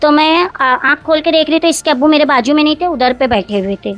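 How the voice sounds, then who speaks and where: A woman speaking gives a long account in an interview. Her voice sits high, and she circles back, repeats herself and quotes others word for word. Faint music plays behind her. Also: fast, muffled recording. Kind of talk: recounting events in an interview.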